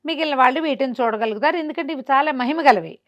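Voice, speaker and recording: A woman with a high voice and a Telugu accent talks fast as she recounts a folk tale conversationally, dramatizing the characters' dialogue. The recording has its highs cut off.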